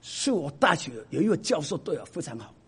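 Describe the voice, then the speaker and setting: A man who is a professor, telling stories to an audience in an emphatic, animated way that drops to a hush for the sad parts. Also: fairly high pitch, brisk, husky. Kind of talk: storytelling talk to an audience.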